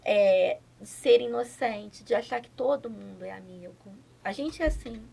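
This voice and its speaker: Raspy woman on a podcast giving earnest advice, lots of vocal fry. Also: fairly high pitch, normal speed, dark tone. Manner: earnest, encouraging, asks for agreement. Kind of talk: casual podcast chat.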